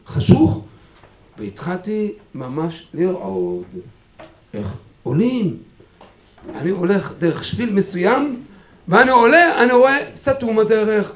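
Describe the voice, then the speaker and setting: A man speaking at a memorial gathering, telling a personal story in an animated way and acting out quotes with sudden shouts, then urging his listeners on fervently. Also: sits high. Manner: animated, acts out quotes with sudden shouts, many fillers and restarts. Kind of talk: personal storytelling eulogy, turning into fervent exhortation.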